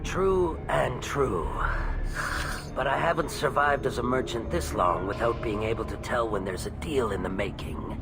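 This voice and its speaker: A man's voice: medium pitch, normal speed, over music, lightly acted, poor audio. A man voicing a shifty, nervous alien merchant in a video game, with a slippery, theatrical and ingratiating manner. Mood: sly, wheedling.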